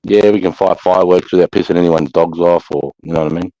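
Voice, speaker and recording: A man's voice: sits low, fairly even intonation, fast talker, mellow, no echo. A man with an Australasian accent chatting casually in a blokey, slangy way, swearing freely. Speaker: host of a live chat. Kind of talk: casual chat. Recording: dull lo-fi sound.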